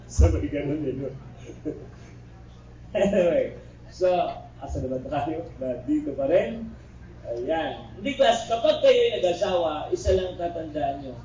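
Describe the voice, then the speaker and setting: A man's voice: fairly high pitch, animated, takes it slowly, pauses often, warm tone. A middle-aged man from the Philippines giving a criminology review lecture in a classroom. He mixes teaching with joking asides and keeps checking in with the class. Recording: echoey room recorded from far off, faint background noise.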